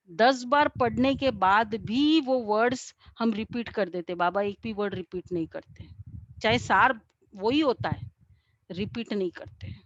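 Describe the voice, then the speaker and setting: A woman's voice: medium pitch, no echo. A woman giving a spiritual class lecture, explaining patiently and asking her listeners questions. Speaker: spiritual teacher. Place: meditation centre classroom. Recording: dull, muffled, dry sound.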